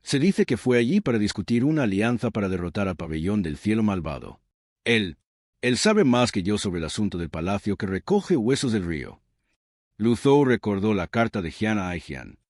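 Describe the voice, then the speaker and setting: A man narrating a scripted story recap in a measured, dramatic storytelling manner. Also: on the low side, big pitch swings, darkish tone, dry recording, clean studio sound.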